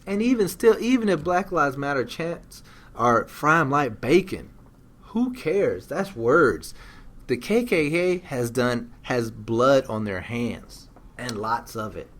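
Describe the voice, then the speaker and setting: Guy on a podcast, blunt and slangy, mid pitched, talks emphatic. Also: expressive, slow pace. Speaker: podcast co-host. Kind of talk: casual discussion.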